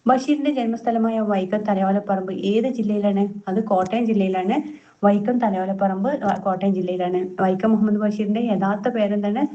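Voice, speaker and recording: Woman reading quiz answers, dull mellow tone. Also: medium pitch. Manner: repeats each answer, self-corrects with fillers. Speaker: quiz tutor.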